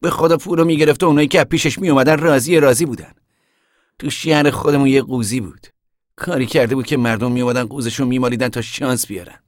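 A man's voice: medium pitch, fairly even intonation, no echo, studio quality, close to an everyday voice. A man doing a blunt, impatient young man. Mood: scolding. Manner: scolding, brusque.

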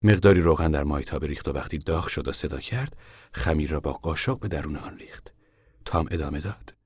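A man giving scripted narration for a radio drama in a measured, steady way. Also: very deep voice, husky, dry recording.

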